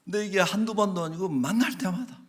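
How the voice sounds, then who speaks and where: A man preaching a sermon as pastor, telling a story with lively voices, dropping to whispers and laughing along. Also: high-pitched, quick pace. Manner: animated storytelling, acting out quoted voices, drops to whispers.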